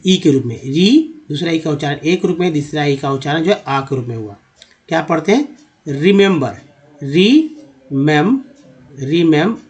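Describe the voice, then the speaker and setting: Male English tutor, fairly high voice, slow repetitive word-by-word drilling, chatty with viewers. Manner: drills words one by one, repeating each several times; asks questions and then answers them himself. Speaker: English teacher. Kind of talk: slide-based pronunciation lesson.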